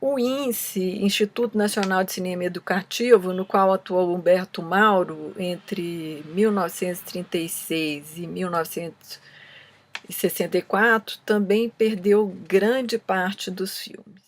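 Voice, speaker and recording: A woman with a Brazilian Portuguese accent giving a scripted explanation as a presenter, reading in a measured way with occasional small stumbles. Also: fairly low pitch, steady tone, a little hiss or hum. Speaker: presenter answering a film student's questions.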